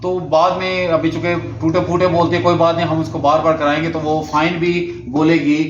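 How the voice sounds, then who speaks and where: A patient male therapist from Pakistan leads a speech therapy session with commentary, often repeating prompts and offering praise. His voice is fairly high and flat, at a moderate pace. The recording is dull and echoey, with some hiss or hum.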